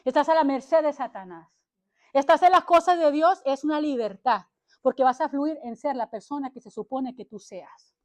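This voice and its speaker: Fervent high-voiced woman preacher. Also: normal speed. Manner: emphatic, punctuates phrases with "amén"; fervent and exhorting, driving each point home. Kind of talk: sermon. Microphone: livestreamed to social media.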